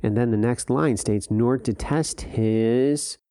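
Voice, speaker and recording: A man's voice: mid-range voice, slow, mellow, dry recording, clean studio sound. A man co-hosting a podcast, teaching from scripture and asking rhetorical questions. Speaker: podcast co-host. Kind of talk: bible teaching discussion.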